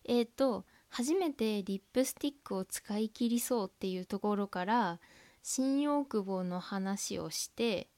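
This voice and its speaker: A woman with a Tohoku accent chats on her own podcast in a soft, meandering way, full of fillers and little whispered asides. Her voice sits in an ordinary middle pitch. She records at home through a laptop's built-in mic. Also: measured pace. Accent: Tohoku Japanese. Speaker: podcast host. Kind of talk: casual solo radio chat. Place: at home by an open window.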